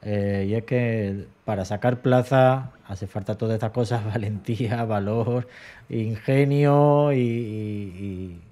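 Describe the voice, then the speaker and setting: Mellow-voiced male host. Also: on the low side, slow. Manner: short agreeing replies, laughs along. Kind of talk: casual interview.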